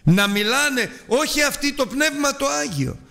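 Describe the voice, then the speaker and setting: A man's voice: extremely high pitch, animated, vocal fry, sharp tone. A man preaching a Sunday sermon, emphatic, asking rhetorical questions and drawing out key words.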